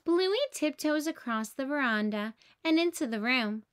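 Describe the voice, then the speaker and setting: A woman's voice: high-pitched, expressive, measured pace. A woman reading a children's picture book aloud like a teacher, expressively acting out the dialogue.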